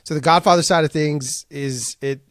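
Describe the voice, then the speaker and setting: A man co-hosting a podcast in casual chat, halting and self-deprecating, often laughing. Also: fairly high pitch, no echo, clean studio sound. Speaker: podcast co-host.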